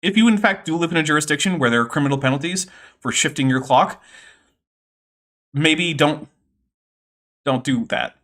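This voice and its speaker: A man's voice: fairly high pitch, lively intonation, normal speed, pauses often, a bit bright. A man giving casual, sardonic commentary while reacting to a debate clip on his stream, rambling with fillers.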